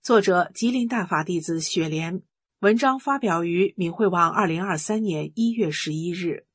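A woman reading a first-person testimony article aloud in a steady, earnest narration. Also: fairly low pitch, normal speed, husky. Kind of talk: scripted narration.

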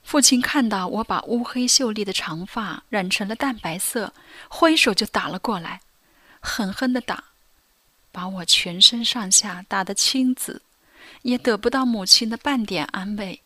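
A young woman narrates a radio drama as a former teen delinquent girl recalling her past, subdued and reflective and sometimes dropping to a whisper. Her medium-pitched voice is a little slow, pushed and bright, with no room sound.

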